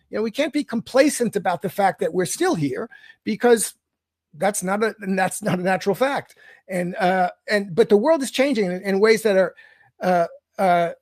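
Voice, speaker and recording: A man's voice: high-pitched, no echo. Thoughtful man in a dry room. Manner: thoughtful, restarts often, agrees readily. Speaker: writer and commentator. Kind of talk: conversational political discussion.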